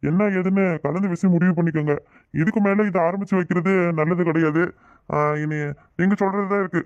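A solemn older cartoon astrologer, voiced by a man, high-pitched for a man and quick in his delivery. He speaks with grave authority, and the recording is dry and dull. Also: fairly even intonation, a little mellow, no echo, lightly acted. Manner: solemn, advisory.

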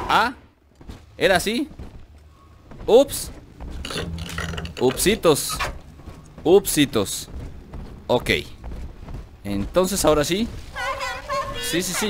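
Against a noisy background, a man with a fairly high pitch and a Mexican accent hosts a gaming video. His let's play commentary is chatty and full of jokes, addressed both to himself and to viewers.

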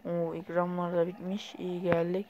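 A man's voice: high voice, monotone, moderate pace, muffled recording, a little hiss or hum. A young man giving casual, rambling gameplay commentary while sleepy, with sudden startled outbursts. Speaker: gaming YouTuber.

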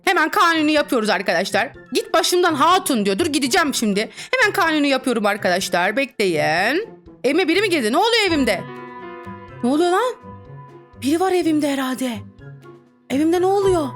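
A woman's voice: high-pitched, lively intonation, normal speed, long pauses, fairly bright tone. A young woman commentating her online game casually, giggling, teasing other players and reading the chat aloud in playful voices. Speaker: gaming streamer. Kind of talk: casual Roblox gameplay commentary. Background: background music.

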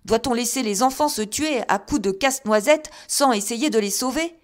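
Flustered, exasperated father, pleading loudly, read by a woman. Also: mid-range voice, a little slow, lightly acted.

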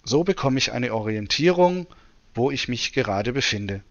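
Guy explaining stuff in a tutorial, mid pitch, kinda muffled recording. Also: lively intonation, moderate pace. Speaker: presenter demonstrating screen reader. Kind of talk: tutorial narration.

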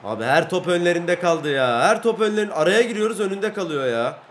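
Young male gaming creator, high-pitched, swings between loud excitement and frustrated muttering while playing. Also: fairly quick, slight background noise. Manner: excitable, yells at goals and mistakes; frustrated grumbling at the game. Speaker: gaming YouTuber. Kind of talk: gameplay commentary.

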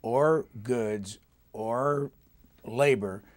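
Mid-pitched male interview host. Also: drawn-out words. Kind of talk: broadcast interview.

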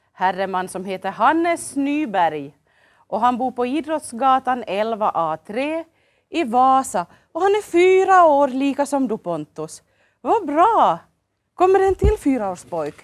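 A bright, fairly high woman's voice with a Finland Swedish accent, swooping up and down as she hosts a children's TV show. She coaxes the kids along with cheerful, sing-song questions. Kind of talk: lively children's TV hosting. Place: local TV studio.

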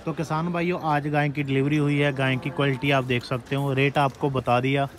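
Farm channel guy outdoors, normal pitch, steady, asks about cows and rates. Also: a little fast. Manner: plain and steady, addresses farmer brothers directly. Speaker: channel host. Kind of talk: presenting cattle rates to farmers. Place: outdoor cattle market.

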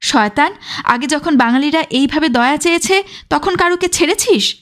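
A woman's voice: on the high side, normal speed, lightly acted. Woman voicing a hardened young freedom fighter. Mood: grim. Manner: curt, commanding.

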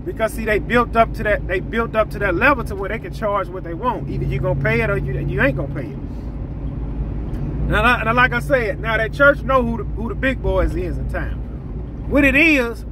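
Man, middle-aged, high voice, chatty storyteller vlogging from his truck with road noise. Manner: storytelling, plainspoken, repeats phrases. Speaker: lawn service owner. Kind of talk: casual vlog talk while driving. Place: inside a pickup truck. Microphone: camera on the dashboard. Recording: clear road noise behind.

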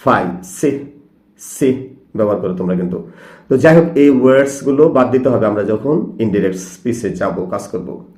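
A man's voice: on the low side, expressive, moderate pace, warm tone. A male English grammar teacher giving an explanatory lesson, speaking straight to his students and spelling words out letter by letter. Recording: roomy echo.

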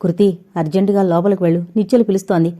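A woman's voice: medium pitch, steady tone, quick pace, warm tone, natural voice. A woman voicing a panicky, devoted young man. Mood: anxious. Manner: flustered, anxious.

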